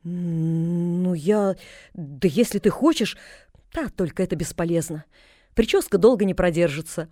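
A woman's voice: fairly low pitch, lively intonation, a little slow, warm tone, no echo. A woman voicing a sour, bedridden woman of forty who talks in a tired, grumbling, dry way in an audiobook. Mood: weary. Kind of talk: audiobook character reading.

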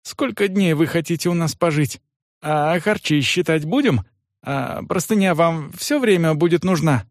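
A man's voice: on the high side, expressive, moderate pace, no room sound, clean studio sound, pitched above the performer's own voice, lightly acted. A man voicing a sly, fawning innkeeper who talks in an oily, evasive way. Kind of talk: audiobook character voice.

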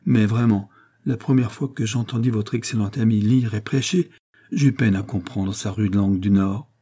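A man voicing a gentle, sorrowful older mother who speaks softly and gravely, in an audiobook reading. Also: lowish voice. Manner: soft, grave, measured.

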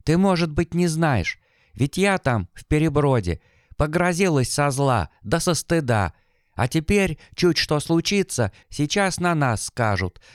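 A man reading an audiobook, voicing a gentle, fatalistic young village woman in an earnest, pleading manner. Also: on the high side, big pitch swings, a little slow, dry recording, clean studio sound, pitched above the performer's own voice.

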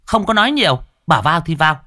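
A man's voice: very animated, racing, sharp tone, no echo, clean studio sound. A man voicing a fierce middle-aged female spirit medium who scolds people bluntly, in a storybook reading. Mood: bossy. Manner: shrill scolding, bossy and blunt.

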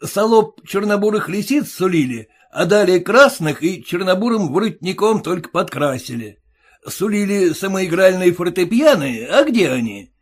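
A man's voice: sits high, very animated, normal speed, voice pushed up. A man voicing a sarcastic, quarrelsome young groom who mocks his new in-laws in a jeering, indignant way. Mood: resentful.

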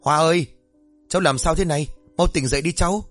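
A man voicing a hearty, middle-aged village boatman who talks in a loud, jovial, folksy way. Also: on the low side, a little fast, faint music behind, natural voice. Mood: alarmed.

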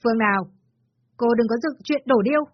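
A woman's voice: fairly quick, no room sound, natural voice. A woman voicing a spiteful older mother-in-law who scolds and hurls abuse, on a dull, dry recording. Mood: scornful scolding. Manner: shrill, scornful, shouting abuse.

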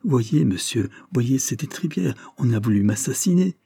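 A man's voice: medium pitch, animated, normal speed, gravelly, dark tone, breathy edge, no echo, studio quality, voice pushed up. A man voicing a young jockey who is alarmed and indignant, in an audiobook. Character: young male jockey, shocked and angry.

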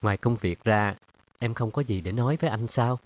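A jealous, brooding young man from an audiobook, read by a male narrator. He presses with accusing questions in a voice only a little above the narrator's own, which sits on the low side. The tone is insistent. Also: a little fast, lightly acted. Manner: pressing, accusatory, then pleading. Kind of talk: audiobook character reading.

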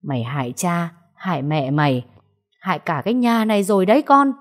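A woman's voice: on the low side, lively intonation, moderate pace, husky. A woman voicing a furious older official father. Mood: furious scolding. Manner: shouting, scolding harshly. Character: furious older male vice chairman, domineering father.

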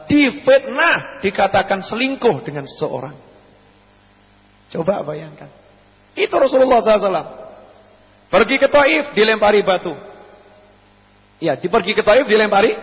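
A man preaching to a congregation, swinging from pleading cries to quiet asides and questioning his listeners. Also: sits high. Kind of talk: sermon to a live congregation. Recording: muffled sound in a large echoing hall.

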